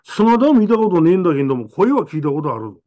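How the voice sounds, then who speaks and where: A man voicing a rural boy who speaks in an Aomori dialect, telling his story slowly and earnestly. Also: sits high, sing-song, dark tone, dull audio, pitched above the performer's own voice. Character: rural boy transfer student, plain-spoken.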